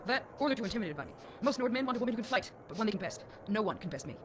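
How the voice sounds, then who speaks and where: An actress playing a thin-skinned, boastful Nord fighter in a video game, with combative, rough folksy speech. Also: female voice, medium pitch, expressive, rapid-fire, noisy background, lightly acted. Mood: resentful. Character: brash, thin-skinned strong Nord brawler woman. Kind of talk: video game character dialogue. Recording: sped-up game audio under music.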